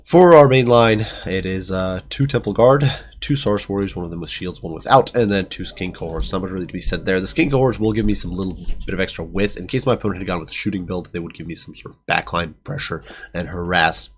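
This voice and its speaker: A man with a sick, nasal voice giving chatty game battle commentary, with many fillers. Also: low voice. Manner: chatty, quick, lots of fillers. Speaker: gaming commentator.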